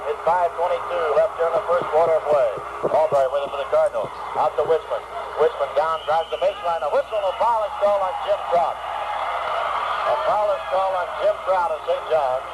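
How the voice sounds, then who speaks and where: A man calls a basketball game on an old 1969 tape, rapid-fire, his voice jumping higher whenever a shot drops. His voice sits fairly high for a man, and a loud hiss fills the old recording. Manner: rapid-fire calling, voice leaps up on each basket. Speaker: play-by-play sports announcer. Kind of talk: live basketball play-by-play commentary.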